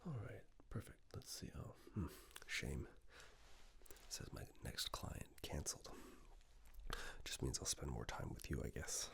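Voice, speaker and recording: In an unhurried ASMR roleplay, a man plays a polite tailor taking suit measurements, murmuring instructions with pauses in a soft, breathy, half-whispered low voice. Despite the hush, his pitch swings widely, and the focus is on personal attention.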